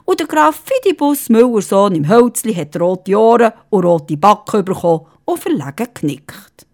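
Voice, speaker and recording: Expressive Swiss German storyteller woman. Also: mid-range voice, moderate pace. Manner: expressive, playful. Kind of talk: fairy tale narration.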